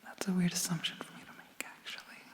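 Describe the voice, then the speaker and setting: A woman whispering a gentle, reassuring ASMR pep talk in a breathy voice, slowly and with long pauses. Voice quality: breathy, mostly unvoiced whisper. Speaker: ASMR host.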